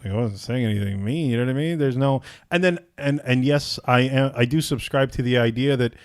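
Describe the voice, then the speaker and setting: A man from Puerto Rico hosting a relaxed podcast conversation. He talks in stops and starts, circling back and restarting his thoughts, at an ordinary middle pitch. The sound is dry and close, with no room echo. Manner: halting, many restarts and fillers. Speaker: podcast host. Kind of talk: casual podcast chat.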